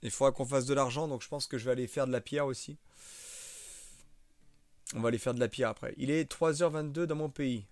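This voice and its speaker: A man's voice: medium pitch, brisk, long pauses, a little mellow, no echo. Young man, live game streamer, chatty and joking, talks to his chat, keyboard clicks behind. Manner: chatty, joking, reads and answers viewer chat. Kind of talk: live gameplay commentary.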